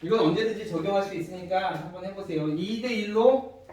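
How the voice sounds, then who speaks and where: A man's voice: sits high, a little fast, darkish tone, a little hiss or hum. A man teaching a math class, explaining step by step and often asking his students if they follow. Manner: asks students frequent check-in questions. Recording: echoey room, distant mic.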